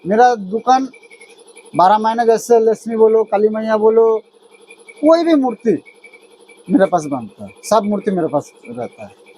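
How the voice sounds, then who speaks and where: A man's voice: high-pitched, animated, moderate pace, long pauses, dark tone, slight background noise. A man who runs an idol workshop, speaking with a Chhattisgarh accent in an earnest, insistent way and often repeating himself. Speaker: idol maker and shop owner. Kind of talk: casual interview.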